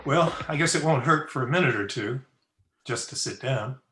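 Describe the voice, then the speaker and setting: An actor playing a crusty, teasing frontier town doctor in an old-time Western radio play, with dry, folksy banter. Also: male voice, mid-range voice, normal speed, noisy background, lightly acted. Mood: wry, teasing. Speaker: actor in an amateur radio drama. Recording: roomy, echoey video-call recording.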